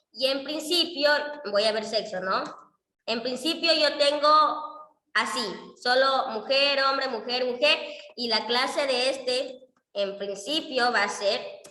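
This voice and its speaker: An economics instructor teaches R in an online class, explaining the code patiently and checking often with "¿ya?" whether students are following. Her voice is a little high, pushed and bright, and the room is echoey with a long reverb.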